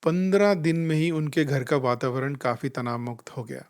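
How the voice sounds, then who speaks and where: A man giving a calm, reflective spiritual talk. He tells gentle anecdotes and acts out the voices he quotes. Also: mid-range voice, normal speed. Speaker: spiritual life coach.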